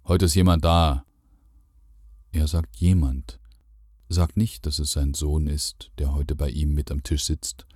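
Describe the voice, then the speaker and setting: Very deep, dark-voiced male storyteller. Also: husky, dry recording, clean studio sound. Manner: calm, measured storytelling with lively quoted lines. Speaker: narrator. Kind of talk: literary reading, first person.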